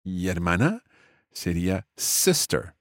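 A man's voice: sits low, sing-song, takes it slowly, no room sound, studio quality. A man teaching family words in English, explaining patiently and repeating each word for his student. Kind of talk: language lesson dialogue.

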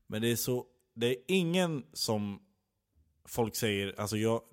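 A man's voice: mid-range voice, expressive, clean tone. A man chatting casually as a podcast guest, laid-back and joking, swearing now and then. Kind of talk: casual chat.

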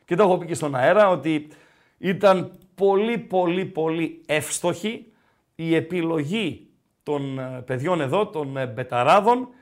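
A man hosting a podcast, talking sport in a casual, joking, animated way. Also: a little high. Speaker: podcast host.

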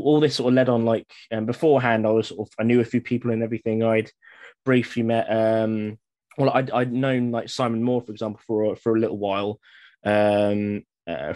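A man's voice: lowish voice, a little mellow, dry recording. Man, enthusiastic, rambling, casual podcast chat, dry sound. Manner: enthusiastic, rambling with many fillers. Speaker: guest, living history reenactor.

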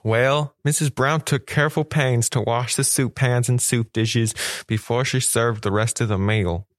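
A man voices a blunt, businesslike homicide sergeant in a vintage radio mystery. He talks in a plain, mid-pitched, deliberate way. The sound is dry and close. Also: steady tone, dry recording, natural voice. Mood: explaining. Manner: matter-of-fact, deliberate. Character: gruff male police homicide sergeant, blunt. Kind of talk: 1940s radio drama acting.

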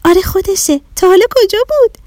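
A woman voicing a cheerful, polite young village girl in a children's story, eager and quick to explain. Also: high-pitched, very animated, a little mellow, dry recording, clean studio sound. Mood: excited.

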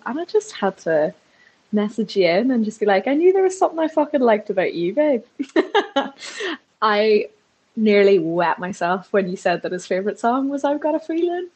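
A woman's voice: medium pitch, a little mellow, husky. A woman leaving a casual, chatty voice message as a listener, affectionate, gushing and sweary.

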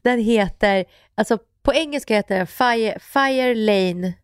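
A woman's voice: fairly high pitch, clear, resonant tone, dry recording, studio quality. A young woman co-hosting a podcast, chatting enthusiastically and supportively. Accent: Swedish. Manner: enthusiastic, supportive, recommends shows. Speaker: podcast co-host. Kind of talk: casual chat.

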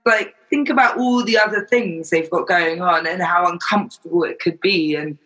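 High, bright, husky-voiced man. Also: moderate pace, rough recording. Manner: frank, explanatory, acts out imagined quotes. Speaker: charity volunteer. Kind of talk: casual chat.

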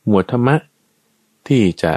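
A man's voice: unhurried, warm tone, no echo. A man teaching Buddhist ethics in a conversational way, going point by point with everyday examples. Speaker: dharma teacher.

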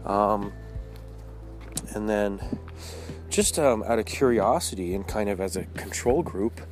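A man with a fairly low voice talks while walking outdoors. His monologue is casual, candid and rambling, often doubling back to restart a phrase. Music plays clearly behind him. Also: lively intonation, unhurried. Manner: candid, rambling delivery with repeated false starts. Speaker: podcast host. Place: outdoors in the woods, on a walk.

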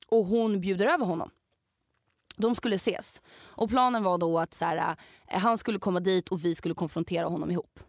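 A young woman, a podcast co-host, casually telling a story in an animated way, swearing freely and acting out what people said. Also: lowish voice, no room sound, studio quality.

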